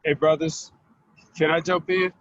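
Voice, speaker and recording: A man's voice: fairly high pitch, flat delivery, a little slow, fairly bright tone. A man calling in to a talk show on speakerphone while driving, laying out facts and repeating key figures. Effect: car speakerphone call. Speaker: caller. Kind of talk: call-in explanation on a talk show. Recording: muffled phone line from a car.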